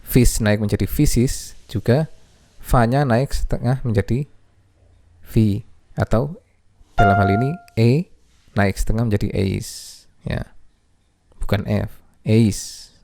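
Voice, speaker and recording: A man's voice: lowish voice, takes it slowly, gravelly, long pauses, heavy background noise. A man teaching music theory, patiently naming notes one by one and checking in with "ya". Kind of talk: explaining music theory lesson. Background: piano playing.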